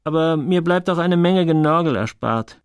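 An awkward, earnest young boy from an audiobook, as a male reader puts him on. He talks a little higher than the reader's own voice, hesitant but honest, with a gravelly edge, in a dry room. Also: lively intonation, moderate pace, dry recording.

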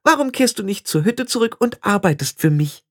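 A man putting on a jittery young witch whose high, strained voice stammers and lurches up and down. She sounds frantic and overwhelmed, read as an audiobook character in a dry, close recording. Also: lively intonation, fairly quick, no room sound. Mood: shrill, falsely friendly.

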